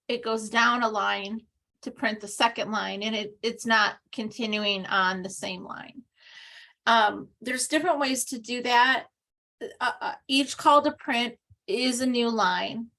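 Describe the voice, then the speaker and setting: A woman's voice: on the high side, steady tone, measured pace, sharp tone. A woman teaching an online class, explaining step by step with frequent ums and restarts over a video call. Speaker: instructor. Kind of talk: recorded online class walkthrough.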